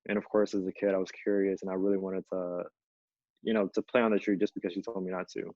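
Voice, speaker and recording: Low, flat-voiced man telling stories. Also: fast, dry recording, muffled recording. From Ethiopia. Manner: relaxed, many fillers like "you know" and "uh". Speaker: featured artist. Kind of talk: conversational storytelling.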